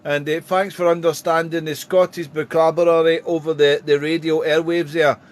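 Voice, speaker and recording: A man with a British accent chatting as an amateur radio operator, deliberate and full of call phrases. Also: on the high side, little pitch movement. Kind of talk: casual radio contact chat. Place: home radio room.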